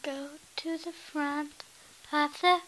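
A woman's voice: sits high, fairly even intonation, takes it slowly, a bit bright, poor audio. A young woman improvising a princess role-play in a video game, with a dramatic, play-acting delivery. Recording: hissy home screen-capture recording.

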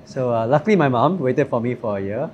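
A man in his thirties speaking in a thoughtful, measured way with fillers, interviewed at a restaurant table. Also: medium pitch, lively intonation, darkish tone, a little hiss or hum. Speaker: company CEO. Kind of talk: interview conversation.

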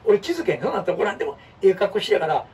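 A man's voice: sits high, racing, far from the mic, slight background noise. A man with a Kansai accent chatting casually and animatedly, poking fun at himself as he talks through his things. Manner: chatty, animated, self-mocking. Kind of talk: casual chat.

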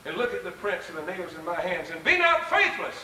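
A man acting out the risen Christ, gentle and commanding, with earnest emphasis during a sermon. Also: sits high, very animated, brisk, a little hiss or hum, heavily acted. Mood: tender. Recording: distant, roomy live VHS recording.

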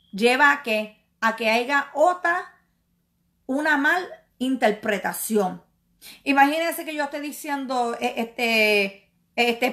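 A woman evangelist delivers a sermon at a deliberate, unhurried pace, stressing and repeating her key words. Her voice sits a little high and carries a gravelly edge. She keeps putting questions to her listeners and answering them herself. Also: fairly bright tone. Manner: slow emphatic preaching with repeated words and rhetorical questions.

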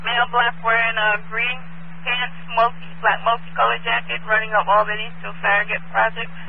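Creaky New police radio dispatcher, a woman. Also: a little high, little pitch movement, brisk. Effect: police radio transmission. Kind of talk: police radio dispatch, repeating reports back. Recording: noisy narrowband police scanner radio recording.

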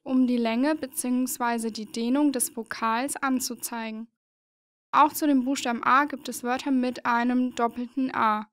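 A woman's voice: sits high, dry recording, studio quality. A woman narrating a learning video, patiently explaining and spelling out letters one by one in a scripted voice-over.

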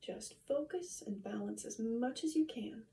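A young woman speaks in a high, mellow voice like a kids show host leading little ones through exercises. Her delivery is sing-song and encouraging, with simple, friendly instructions. She sounds slightly distant from the microphone in a home room. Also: lively intonation, unhurried. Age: young adult. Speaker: children's yoga teacher. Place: small apartment room, indoors. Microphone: phone camera a few steps away.

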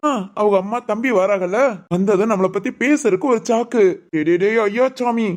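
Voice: mid-range voice, a little mellow, lightly acted. An actor voicing a sarcastic husband in a Tamil cartoon, teasing his wife and grumbling to himself. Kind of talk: cartoon voice acting.

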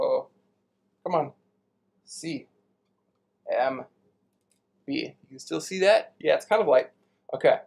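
His voice a little high, creaky, and a bit mellow, a young man teaches kids about space live online from a whiteboard. This science teacher keeps things chatty and playful, tying big concepts to everyday examples.

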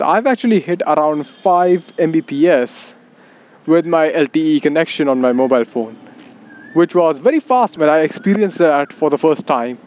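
Indian guy doing gaming commentary voiceover, bit high pitched, recorded up on a rooftop. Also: darkish tone. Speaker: video game commentator. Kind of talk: scripted voice-over commentary. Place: outdoors on a rooftop. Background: wind and urban background noise.

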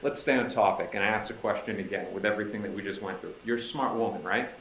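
A man's voice: fairly low pitch, quick pace, a bit bright, muffled recording, soft background music. A man with a Boston accent cross-examining a witness in a courtroom, pressing her with leading questions that end in "right?". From Northeastern US. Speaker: prosecutor.

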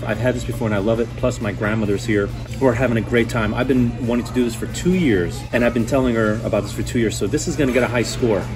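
A man in his thirties with a mid-pitched voice chats casually as a food review host. He sounds enthusiastic, with clear music in the background. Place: restaurant booth indoors.

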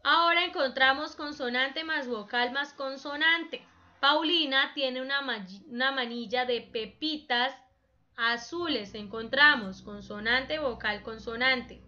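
A woman's voice: sits high, a little slow, bright, forceful tone, dull audio. A woman teaching a children's class, patiently explaining examples and prompting the pupils with questions. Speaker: primary school teacher.

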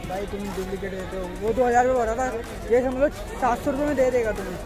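A man's voice: extremely high pitch, racing. A young man talking casually to viewers as he walks through busy city streets and markets, filming himself on a phone held at arm's length. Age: young adult. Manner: chatty, addresses viewers directly. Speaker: vlogger. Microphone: handheld phone camera at arm's length. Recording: loud music and crowd noise behind. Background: loud music, crowd and traffic.

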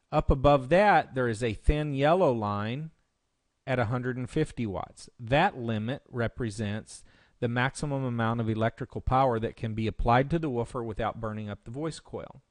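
A medium-pitched man narrates a software screencast, guiding the learner through each step like a presenter. The recording is dry, with very little room sound and no echo.

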